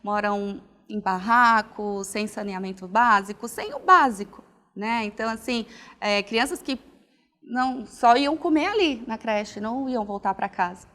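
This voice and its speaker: Speaking a little slowly in a fairly high, fairly bright voice, this young woman from Alagoas in Brazil's Northeast answers an interview in a relaxed, reflective way. A pedagogue who studies psychology, she often restarts and says "né," with long hall reverb on the recording.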